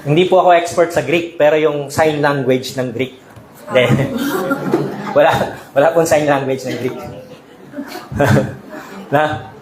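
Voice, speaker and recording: A man's voice: a little high, steady tone, normal speed, a crowd in the background. A male pastor preaching a sermon in a conversational way, often checking in with the congregation and mixing in English. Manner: mixes Tagalog and English. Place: church sanctuary. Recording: echoey church hall with faint ambience.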